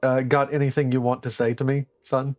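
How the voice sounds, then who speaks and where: A stern, strong-willed father , acted by a man at a tabletop game. He speaks deliberately and squarely confronts his listener. Faint music sits behind the voice. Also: mid-range voice, level tone, a little mellow, dry recording, natural voice.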